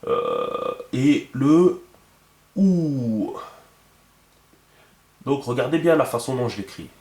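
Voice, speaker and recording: A man's voice: mid-range voice, lively intonation, slow, a little mellow. A man teaching a lesson, patient and checking often that the viewer follows. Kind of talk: instructional video lesson. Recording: echoey room.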